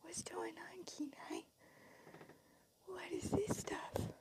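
A woman's voice: very high-pitched, fairly even intonation, slow pace, darkish tone. A woman filming her dogs outdoors in the snow on a handheld camera, whispering and swearing in surprise. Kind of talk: casual vlog chatter to pets.

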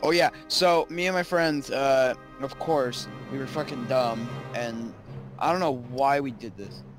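A man's voice: mid-range voice, measured pace, over music. A young man telling a rambling story among friends, full of fillers. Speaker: friend on the stream. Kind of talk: casual storytelling.

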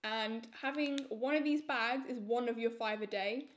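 A young woman giving a casual, enthusiastic snack review to camera as she tastes crisps, repeating words for emphasis. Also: a little high, moderate pace. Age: young adult. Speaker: food reviewer.

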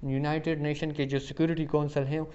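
Recorded in dull lo-fi quality, this man preps students for exams, his slightly higher voice carrying a level, dark tone. English answer options get a slow, careful reading, the Hindi-Urdu explanations come faster, and he frequently calls his listeners "student."

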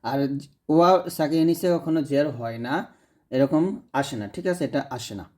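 A man's voice: a little high, dark tone. Patient man teaching recitation. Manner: patient, repeats sounds slowly and drawn out. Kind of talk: tutorial lesson explaining letters.

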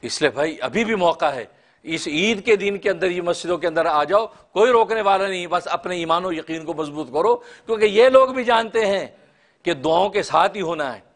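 A high-pitched middle-aged man preaches with fervor in an Urdu accent. He gestures broadly and swells to near-shouts when quoting. He is recorded close on a lapel mic in a small studio room. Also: lively intonation, moderate pace. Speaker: mufti, religious speaker. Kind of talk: sermon-style address.

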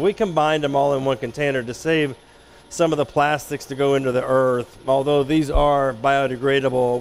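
A man at a mid-range pitch teaches a baking demonstration in an instructional kitchen. He talks in a relaxed, explanatory way and often restarts his sentences. A faint hum of background noise sits under his voice. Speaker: chef instructor. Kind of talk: cooking demonstration.

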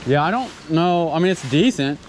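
A man's voice: a little high, background noise. A young man chatting and joking with a friend while fly fishing outdoors by a stream. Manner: joking, excitable, banters with his friend. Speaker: angler filming his fishing trip. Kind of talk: casual chat while fishing. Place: outdoors by a forest mountain stream. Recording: outdoor camera audio with rushing water.

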